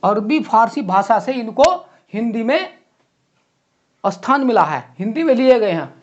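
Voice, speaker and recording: Guy teaching grammar class, lively voice, says example words over and over, kinda muffled recording. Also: very high-pitched, a little hiss or hum. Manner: explains slowly with repeated example words. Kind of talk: Hindi grammar lecture.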